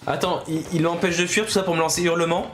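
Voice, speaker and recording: A man streaming video games, chatting casually, reacting with quick jokes and frequent swearing. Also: on the high side, steady tone, fairly bright tone, faint music behind. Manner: reactive, swears, jokey asides. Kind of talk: casual gaming commentary.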